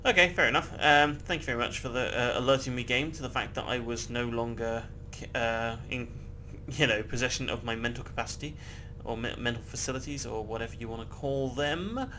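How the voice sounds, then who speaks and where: Talking over his gameplay, a male host rambles casually, laughing a lot and cursing without restraint. He speaks briskly in a medium-pitched, sharp-toned voice, with a slight hiss or hum in the recording.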